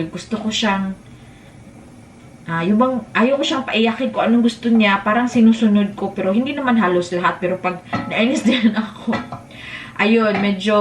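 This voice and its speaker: A Filipino woman in her thirties, a vlogger and mother, chats casually to viewers while cooking in her home kitchen, breaking off to hush and scold her toddler. Her voice is medium-pitched at a moderate pace, recorded from a distance in an echoey room.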